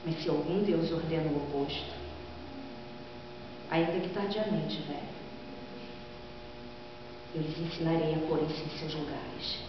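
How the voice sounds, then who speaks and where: A woman performing a proud, vengeful, gloating queen in a theatrical, declamatory reading of Greek tragedy. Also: low voice. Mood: defiant, indignant. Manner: theatrical, declamatory, emphatic dramatic reading with drawn-out phrases. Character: proud, vengeful queen who killed her husband, defiant and gloating. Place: large classroom or lecture room, indoors. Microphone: far camera microphone. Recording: echoey hall from afar, dull sound, mains hum.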